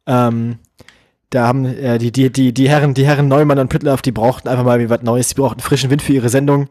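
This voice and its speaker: A man co-hosting a casual podcast, rambling and joking at his own expense, his voice crackling with distortion from a microphone input set too high. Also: steady tone, quick pace, darkish tone, dry recording, studio quality. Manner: rambling, self-mocking, restarts sentences. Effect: clipping distortion from an overdriven mic input. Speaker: podcast co-host. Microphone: close studio microphone, gain set too high.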